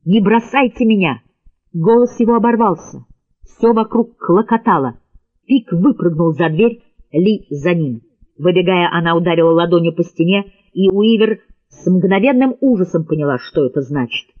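A man's voice: high-pitched, normal speed, narrow, tinny audio. A man narrating an audiobook in a tense, dramatic reading style. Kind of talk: scripted narration.

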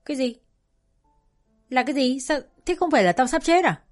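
A woman's voice: medium pitch, fairly quick, soft background music, natural voice. A woman voicing a naive, anxious teenage girl in a spoken story, talking in a raised, fretful way. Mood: bewildered.

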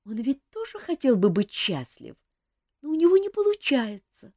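A woman's voice: high voice, very animated, moderate pace, darkish tone, no room sound, clean studio sound, pitched above the performer's own voice, full character voice. A woman reading the part of an earnest, reproachful young woman in an audiobook. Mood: indignant.

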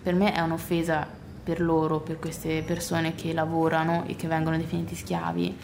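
A woman in her twenties from southern China, a student answering interview questions in a calm, self-assured way. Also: low-pitched, a little fast, creaky, background noise. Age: 20s.

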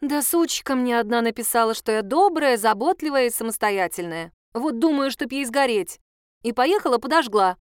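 Woman reading a bossy, sarcastic young tough girl; smooth, dry storybook voice. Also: a little high, lively intonation, moderate pace, no echo, lightly acted. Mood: brash. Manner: crude, mocking, bossy. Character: brash foul-mouthed young woman kidnapper, sarcastic.

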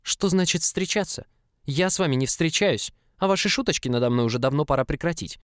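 A man reading the outbursts of a flustered, indignant 19-year-old young man, his voice pushed higher. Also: fast talker, a little mellow, no room sound, studio quality, natural voice. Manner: protesting, agitated. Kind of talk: audiobook character voice.

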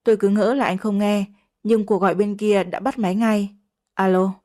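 A woman's voice: medium pitch, steady tone, brisk, warm tone. Woman narrating a first-person story. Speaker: audiobook narrator.

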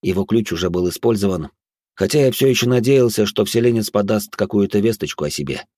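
Low-voiced man narrating an audiobook. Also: animated, fairly quick, dark tone, no echo, studio quality. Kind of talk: first-person audiobook narration.

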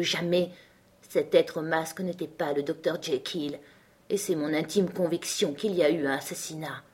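A woman's voice: fairly low pitch, husky. A woman reading a frightened, devoted older male butler in an audiobook, urgent and pleading.

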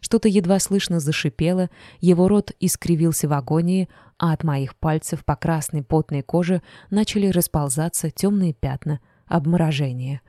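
A woman reading a first-person audiobook in a measured, even way. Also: low-pitched, no room sound, studio quality. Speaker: audiobook narrator.

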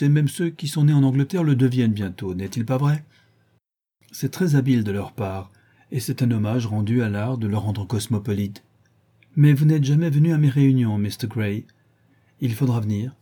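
A man's voice: mid-range voice, mellow, husky, close to an everyday voice. A man voicing a flighty, chattering aristocratic lady who flits from one idea to the next, in an audiobook reading. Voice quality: chattering, breathless flitting from idea to idea.

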